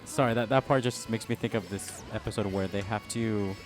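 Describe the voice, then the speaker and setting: A man's voice: lowish voice, fairly quick, music in the background. A man co-hosting a casual podcast, telling a rambling story with many restarts while playing a game. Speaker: podcast co-host. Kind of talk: casual chat while gaming.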